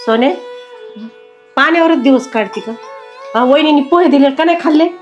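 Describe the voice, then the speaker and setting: A woman's voice: high voice, normal speed, muffled recording, soft background music. A middle-aged woman, playing a mother who consoles her daughter in a village comedy sketch. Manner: consoling, emotional, rustic dialect.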